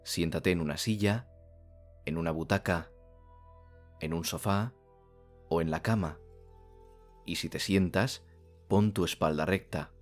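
A man from narrates a soothing guided sleep meditation like a bedtime story narrator, speaking calmly in slow phrases with long pauses. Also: deep voice, faint music behind.

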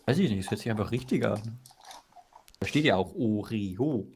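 A man's voice: fairly low pitch, lively intonation, moderate pace, a crowd in the background. A young man co-hosting a casual podcast chat, hesitant and stubborn, often stumbling over his words. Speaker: podcast co-host.

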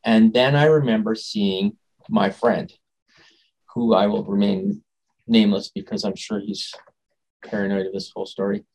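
A man being interviewed as a guest, telling a personal story in a rambling, animated way and often trailing off and restarting. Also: lowish voice, normal speed, creaky, long pauses, rough recording. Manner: animated, acts out quoted dialogue.

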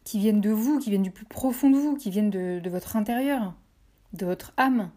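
A woman's voice: mid-range voice, normal speed, warm tone. A French woman hosting a podcast, speaking directly to listeners in an encouraging way and repeating phrases for emphasis. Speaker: podcast host. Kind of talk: motivational podcast talk.

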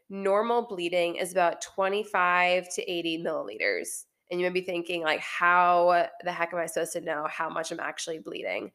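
A woman's voice: fairly low pitch, fairly bright tone. A woman with a slightly congested voice hosting a health podcast, explaining things in a friendly, casual way. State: congested, recovering from illness. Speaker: podcast host, naturopathic doctor.

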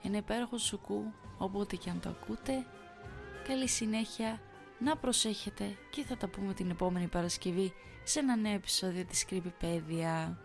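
A woman's voice: mid-range voice, vocal fry, soft background music. A woman hosting a horror story podcast, reading first-person scary stories and chatting in a friendly way. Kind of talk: reading creepy stories aloud.

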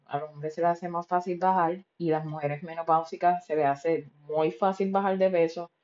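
A woman's voice: low-pitched, darkish tone, dull audio. A woman with a Puerto Rican accent talking frankly and casually on her own podcast, swearing freely and dropping English words into her speech. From Puerto Rico. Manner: frank and profane, mixing in English words, many fillers. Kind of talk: casual solo podcast monologue.

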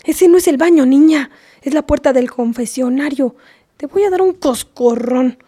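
A woman's voice: sits high, normal speed, dark tone, natural voice. A woman playing a scolding but loving mother with a Mexican accent, lecturing her daughter in a comedy sketch. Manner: scolding, lecturing, half-whispered.

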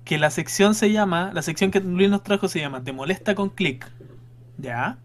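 Young guy riffing on a podcast, playful, slightly high voice. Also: moderate pace. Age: young adult. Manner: playful, laughing, mock-exasperated. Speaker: podcast co-host. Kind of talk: casual comedic chat.

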